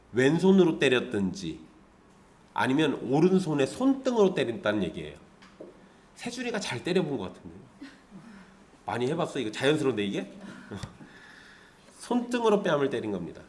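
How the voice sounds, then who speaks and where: A male pastor with a medium-pitched voice gives a conversational Sunday sermon, explaining scripture and posing rhetorical questions to the congregation.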